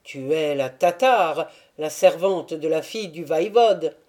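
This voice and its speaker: A woman voicing a young Cossack man who speaks in loud, urgent, pressing questions in an audiobook. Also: fairly low pitch, animated, moderate pace.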